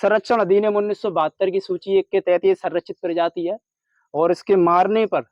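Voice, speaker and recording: A young man rescuing a snake outdoors at night, murmuring low and soothing words to calm it while he explains to onlookers. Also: a little fast, no room sound, dull audio. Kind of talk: narrating a live snake rescue.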